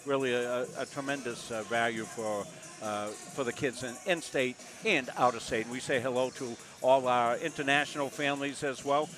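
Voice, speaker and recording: An older man from Massachusetts calls a college basketball game from courtside. His talk is folksy and rambling, full of filler words, in a mid-range voice. Music plays clearly in the background. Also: medium pitch, normal speed. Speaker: play-by-play announcer. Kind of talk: live basketball commentary.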